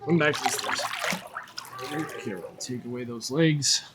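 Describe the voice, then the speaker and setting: A man's voice: medium pitch, measured pace. A male swim instructor giving casual running commentary on a lesson. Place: swimming pool. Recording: noisy pool with splashing water.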